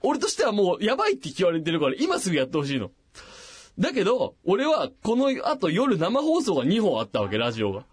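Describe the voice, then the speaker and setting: On his late-night radio program, a man spins a long personal story in a casual way, voicing the characters with big pitch jumps and lots of animation. His delivery is fast and slightly rough, recorded on a studio microphone with studio quality and no room sound.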